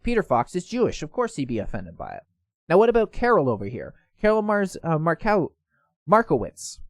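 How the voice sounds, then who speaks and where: A man's voice: fairly high pitch, wildly swooping pitch, fairly quick, no room sound, clean studio sound. A man hosting casual online news commentary, reading posts aloud and stumbling now and then. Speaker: host.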